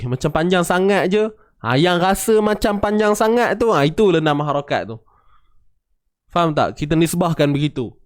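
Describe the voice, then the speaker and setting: A man with a Malaysian Malay accent teaching Quran recitation in a casual lesson, often checking that listeners understand and chanting examples. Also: a little high.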